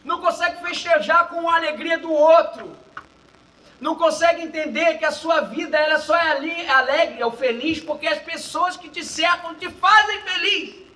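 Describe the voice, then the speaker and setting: A man pastor preaching a sermon in a cinema hall, swinging between shouted lines and quiet asides. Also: very high-pitched, moderate pace, recorded from a distance. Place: cinema auditorium used for a church service.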